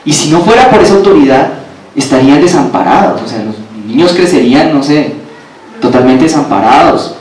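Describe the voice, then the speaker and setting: A man's voice: fairly high pitch, animated, a little fast, a little mellow. A man preaching a sermon, asking the congregation questions and repeating phrases for emphasis. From Colombia. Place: church hall. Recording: very echoey hall, from far off, faint background noise.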